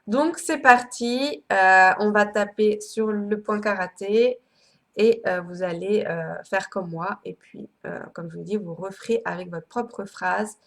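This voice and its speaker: A woman coach leads a tapping exercise in a gravelly, slightly fried voice, pausing often on fillers. Her affirmations return in a steady, even rhythm. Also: medium pitch. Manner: hesitant, many fillers. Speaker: coach and psychologist. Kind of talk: guided EFT tapping session.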